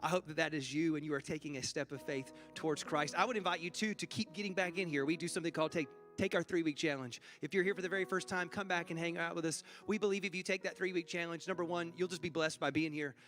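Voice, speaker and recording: High-voiced pastor running a church raffle. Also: male voice, steady tone, fast, few pauses, a bit bright, faint music behind. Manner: playful, joking with the congregation. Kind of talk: church service announcements and raffle. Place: church stage with a congregation.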